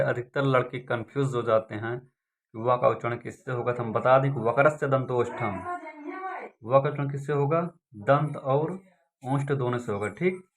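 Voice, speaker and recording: A man teaching an exam-prep lesson, repeating points and asking and answering his own questions. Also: medium pitch. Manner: repetitive, drilling, asks and answers own questions.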